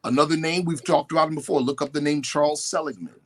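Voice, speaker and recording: A man with a fairly high voice speaks quickly as a guest on a talk show. He lectures emphatically and animatedly, quoting definitions and mimicking other people.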